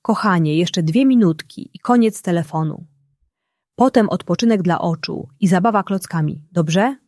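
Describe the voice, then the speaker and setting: A patient, loving mother from a storybook, as a woman reader voices her, speaking calmly and softly. Her voice sits low and mellow, and she talks slowly on a dry recording. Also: dry recording. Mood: gentle. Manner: calm, soft-spoken.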